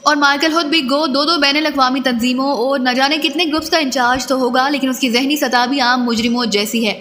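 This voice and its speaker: A ruthless male spy interrogator, icy and threatening, as a woman puts him on in her own high voice. Her words hang in a long, reverberant echo. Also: sharp tone, slight background noise. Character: cold, menacing male intelligence major.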